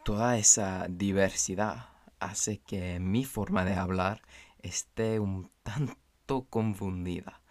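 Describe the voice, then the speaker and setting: A native English-speaking man hosts a language-learning podcast, delivering a scripted monologue in Spanish with an English accent. His low, somewhat mellow voice explains things in a measured way, sprinkled with light jokes.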